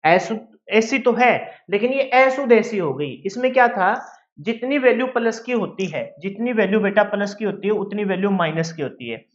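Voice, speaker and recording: A man's voice: sits high, animated, moderate pace, muffled recording. A male teacher giving a lecture, who asks questions and answers them himself and calls his students "beta". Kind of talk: classroom lecture.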